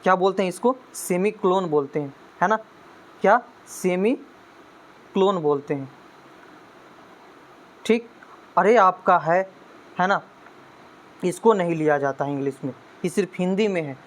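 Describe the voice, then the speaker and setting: Tutor coaxing with "है ना". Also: male voice, high-pitched, moderate pace. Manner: constant "है ना" tag questions, coaxing students; motivational, urging hard study. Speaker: teacher. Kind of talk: exam-prep lesson.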